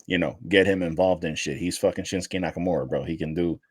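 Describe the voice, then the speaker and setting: A man co-hosting a wrestling podcast in casual chat, animated and profane, swearing often. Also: deep voice, fast, breathy edge, no room sound, clean studio sound. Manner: animated, profane, laughs while retelling. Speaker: podcast co-host.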